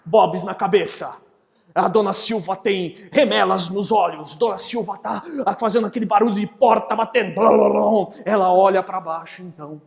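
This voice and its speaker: A course instructor telling a story in a lively lecture, acting out the characters along the way. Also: mid-range voice, normal speed, creaky, long reverb tail. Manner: animated storyteller who acts out characters.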